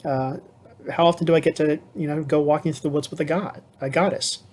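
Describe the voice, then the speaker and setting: Guy putting on a starstruck young huntress, eager and tripping over words, slightly high voice. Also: fairly even intonation, fairly quick, a little mellow, lightly acted. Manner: eager, a little flustered. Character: starstruck young huntress meeting her idol.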